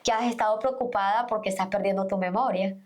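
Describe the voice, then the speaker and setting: A woman's voice: mid-range voice, steady tone, fast, a little mellow, slight background noise. A middle-aged woman pastor, a podcast guest, telling her personal faith testimony earnestly and acting out the dialogue as she goes. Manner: earnest storytelling, reenacts dialogue.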